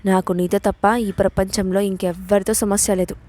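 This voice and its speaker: A woman voicing a sharp-tongued young college woman who speaks curtly and scornfully in an audio story. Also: mid-range voice, level tone, normal speed, close to an everyday voice. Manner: curt and scornful.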